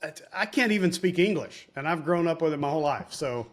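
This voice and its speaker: A man's voice: a little high, expressive, fairly quick. A man hosting a casual interview, chatty and poking fun at himself. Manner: chatty and self-deprecating. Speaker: host.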